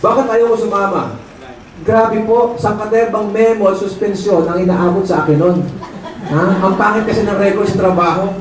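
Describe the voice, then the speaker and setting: A high-pitched man delivers a lively motivational seminar talk, animatedly telling his story and often checking that the crowd agrees. He is recorded from far off in a large, heavily echoing hall, with faint noise underneath. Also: normal speed. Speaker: seminar speaker, training director. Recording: very echoey hall, mic far off.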